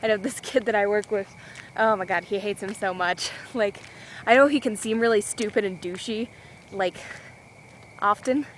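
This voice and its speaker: A woman's voice: mid-range voice, moderate pace, slight background noise, rough recording. A young woman walking outdoors with a handheld camera, vlogging in a rambling, scatterbrained, giggly way. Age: young adult. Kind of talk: rambling casual vlog.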